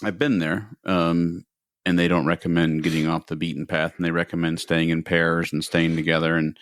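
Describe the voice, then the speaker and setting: A man's voice: low voice, little pitch movement, moderate pace, dry recording, clean studio sound. A man co-hosting a podcast, chatting casually in a rambling way and repeating words as he thinks. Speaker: podcast co-host. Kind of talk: casual chat.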